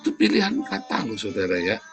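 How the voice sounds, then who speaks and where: A man's voice: fairly low pitch, very animated, brisk. A man giving a conversational morning devotional sermon, often turning to his listeners. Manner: conversational, often adds "saudara". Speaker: preacher. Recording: guitar music behind.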